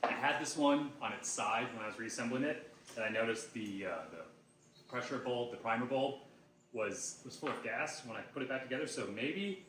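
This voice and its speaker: A man hosting a casual do-it-yourself vlog, talking to himself with excitable, self-mocking energy as he tests his tools. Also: mid-range voice, echoey room, background noise. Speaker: DIY video host. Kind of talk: casual vlog narration while testing tools.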